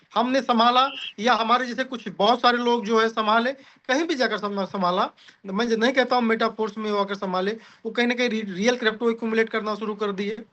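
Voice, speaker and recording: Man, very high voice, bright and sharp, persuasive pitch, video call audio, dull lo-fi sound. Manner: persuasive, repeats "ठीक है ना", addresses listeners as साथियों. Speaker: speaker at an online meeting. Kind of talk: motivational crypto pitch.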